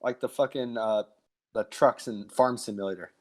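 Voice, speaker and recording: A man's voice: lowish voice, fairly even intonation, normal speed. A young man co-hosting a casual podcast, telling stories loosely with lots of fillers. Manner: laid-back storyteller, lots of "like". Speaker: co-host.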